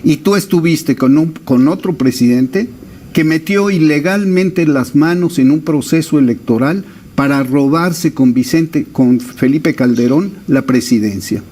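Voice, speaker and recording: A man's voice: fairly high pitch, measured pace, warm tone. A man, a producer in a heated debate, firing off confrontational rhetorical questions. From Mexico.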